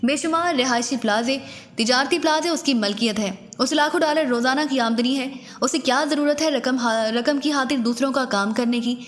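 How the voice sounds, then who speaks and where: A desperate middle-aged gangster father, frantic and begging, as a woman reads him in her own high voice. The voice rings with a long, reverberant echo. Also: brisk, lightly acted. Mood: confiding. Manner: frantic and pleading. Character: frightened middle-aged male crime boss, a doting father.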